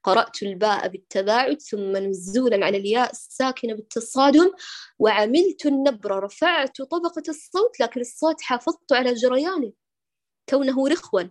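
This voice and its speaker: A woman teaching Quran recitation, patiently correcting a student and slowly demonstrating throat letters. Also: fairly high pitch. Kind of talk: online recitation correction lesson.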